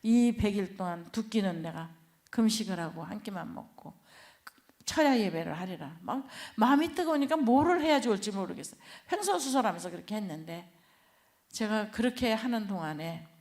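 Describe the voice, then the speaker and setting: A woman's voice: medium pitch, big pitch swings, normal speed, darkish tone. A woman missionary giving a heartfelt testimony in church, telling her story and acting out what people said. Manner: heartfelt storytelling, acts out quoted speech.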